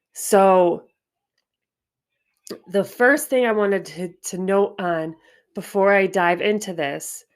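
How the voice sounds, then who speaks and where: A woman with a stuffy nose hosts a spiritual wellness podcast, speaking in a reflective, unhurried way and often restarting her sentences. Her voice is mid-range.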